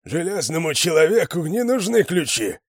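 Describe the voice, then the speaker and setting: A man's voice: on the high side, sing-song, takes it slowly, slightly rough, no room sound, studio quality, voice pushed up, exaggerated voice. A man voicing a drunken grey-haired man with an iron arm, bellowing tearfully. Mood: drunken vengeful.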